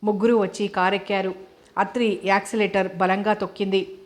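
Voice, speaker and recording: A woman reads a novel aloud in a steady, scripted narration. Her pitch sits in the middle and barely moves, giving an even, unhurried read. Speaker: audiobook narrator.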